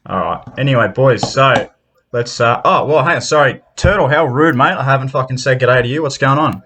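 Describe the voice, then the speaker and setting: A man's voice: mid-range voice, brisk, bright, forceful tone, slight background noise. An Australian man hosting a casual podcast, bantering in a matey, sweary tradesman's way. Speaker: podcast host.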